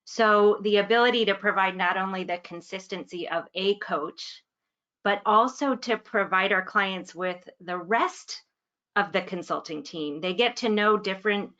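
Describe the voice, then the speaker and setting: Bright-voiced enthusiastic woman consultant. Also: medium pitch, measured pace, highs cut off. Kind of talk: panel discussion.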